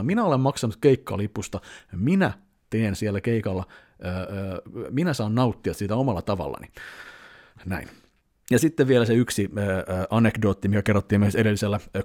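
A man in his thirties rambles through a personal story for his vlog, full of hesitant fillers. He jumps into lively quoted voices along the way. His pitch sits mid-range for a man. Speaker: vlogger.

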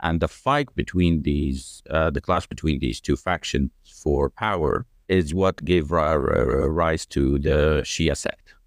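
A man speaking as a podcast guest, explaining at length in a measured way, with frequent fillers and restarts. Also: extremely low pitch, dry recording, clean studio sound. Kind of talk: conversational explanation.

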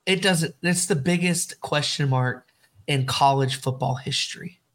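A man co-hosting a casual sports podcast, animated and emphatic, often repeating himself. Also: fairly high pitch, a little slow. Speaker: podcast co-host.

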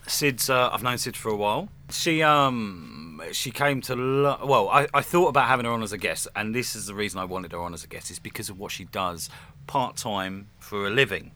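A man's voice: fairly low pitch, expressive, normal speed, pushed and bright. A man hosting a casual comic chat, with a blokey, teasing manner. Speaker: podcast host.

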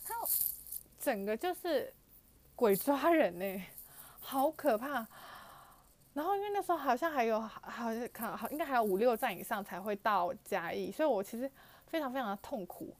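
A woman's voice: a little high, lively intonation, moderate pace, no room sound. A young woman with a Taiwanese Mandarin accent, animatedly retelling a personal story for her vlog with frequent fillers and exclamations. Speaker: vlogger. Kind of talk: storytelling to camera.

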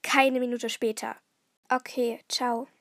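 A woman's voice: fairly high pitch, flat delivery, takes it slowly, dry recording, clean studio sound. A woman voicing a scheming male professor who grumbles curtly under his breath. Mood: grumbling. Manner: hushed, curt and grumbling.

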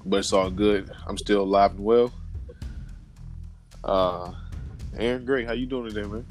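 A man's voice: lowish voice, steady tone, unhurried, faint music behind. A man co-hosting a casual podcast, sounding stuffy and congested from a cold, talking loosely with slang and fillers. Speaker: podcast co-host.

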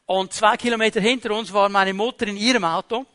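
Male church interpreter, high bright voice, follows the preacher's swings. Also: fairly even intonation, fairly quick. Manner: echoes the preacher's rising and falling intensity. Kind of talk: live sermon interpretation.

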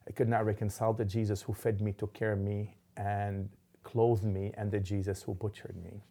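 Speaking flatly in a mellow, lowish voice, the middle-aged imam from Lebanon answers as an interview guest. He halts often, with frequent ums and restarts.

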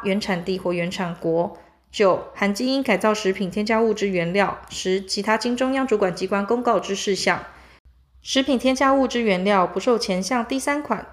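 Woman, medium pitch, formal legal recitation, methodical, measured, scripted reading. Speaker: reader of legal text. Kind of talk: formal read-aloud of statute articles.

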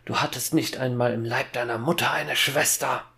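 A man's voice: low-pitched, fairly even intonation, normal speed, gravelly. A man voicing an anxious, cornered woodcutter father in a horror fairy-tale audiobook. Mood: tense. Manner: tense and anxious. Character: desperate bearded woodcutter father.

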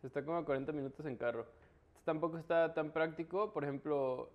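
A man's voice: on the high side, fast talker, dull audio. A man with a Mexican Spanish accent explaining things in a casual, slangy conversation. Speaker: interview guest, local trail biker.

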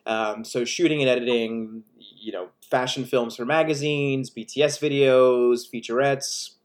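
A man's voice: medium pitch, measured pace. Laid-back male filmmaker guest. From United States. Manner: relaxed, self-deprecating humor. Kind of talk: casual video-call interview.

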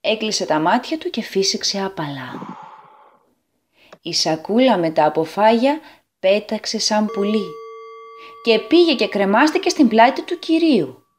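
A woman reading a children's story aloud on a community radio show, expressive and animated. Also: medium pitch, pauses often, slight background noise.

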